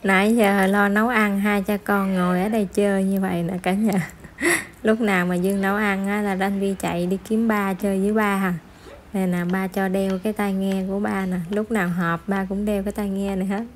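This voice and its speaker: A woman's voice: medium pitch, level tone, brisk, slight background noise. A woman with a Southern Vietnamese accent, chatting to viewers in a casual home vlog. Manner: chatty, addresses viewers directly. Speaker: vlogger.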